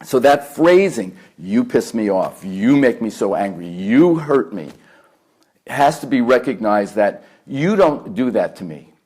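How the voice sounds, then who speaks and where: A family therapist with a New York accent gives a live workshop talk at a meditation center, speaking in a measured, earnest way and repeating key phrases for emphasis. His mid-range voice is animated and a little mellow, with a breathy edge.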